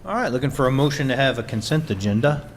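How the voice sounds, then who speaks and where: A man serving as mayor chairs a city council meeting in a relaxed, joking way, with plenty of fillers. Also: mid-range voice, quick pace. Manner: relaxed, jokey, many fillers. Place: council chamber. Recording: long reverb in a council chamber, faint noise.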